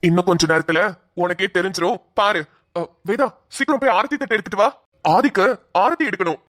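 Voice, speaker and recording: A woman's voice: mid-range voice, a little fast, a bit bright, no room sound, clean studio sound, close to an everyday voice. A woman voicing a bossy, teasing older brother, a grown man, in a cartoon. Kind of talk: cartoon voice acting.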